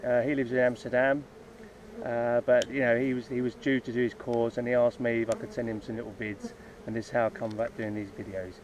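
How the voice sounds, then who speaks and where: A hobby beekeeper who makes videos chats casually outside by his beehives, rambling through his plans with plenty of ums and restarts in unscripted vlog style. His voice is medium-pitched, level, brisk and a bit dark. The outdoor sound is dull and lo-fi, with insects faintly buzzing.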